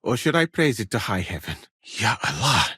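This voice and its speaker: An actor playing a learned, proud Malian court physician in a medieval video game, speaking in a formal, courteous, dignified way. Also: male voice, lowish voice, big pitch swings, moderate pace, sharp tone, slightly rough, no room sound, studio quality, exaggerated voice. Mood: frank, weary. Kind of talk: video game character dialogue.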